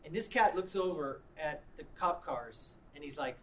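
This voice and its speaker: A man's voice: fairly high pitch, animated, moderate pace, a little hiss or hum. A man preaching a sermon, telling a personal story in a conversational way and often repeating and restarting his words. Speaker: pastor.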